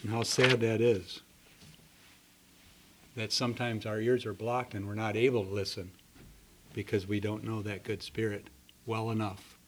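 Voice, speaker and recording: A man's voice: on the low side, level tone, measured pace, pauses often, slight background noise. A man preaching a sermon, telling stories earnestly and acting out the people in them. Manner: earnest storytelling with voiced characters.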